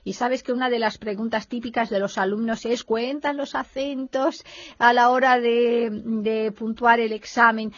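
A woman's voice: a little high, fairly even intonation, a little slow, no echo, lo-fi sound. A woman teaching French spelling and grammar in a conversational lesson. She thinks aloud, uses many fillers and keeps checking in with her listener. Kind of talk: explaining a language lesson in conversation.

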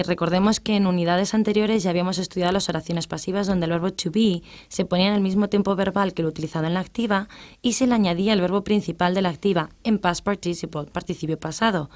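In a radio lesson, a woman with a lowish, darkish voice explains English grammar. She is patient and methodical, reading English examples out slowly.

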